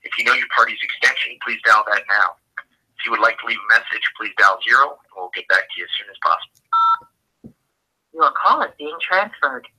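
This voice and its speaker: A man's voice: mid-range voice, a little fast, slightly rough. A man reading a formal recorded voicemail greeting, heard over a telephone line. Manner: formal, even, scripted. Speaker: recorded office phone greeting. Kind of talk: automated voicemail message.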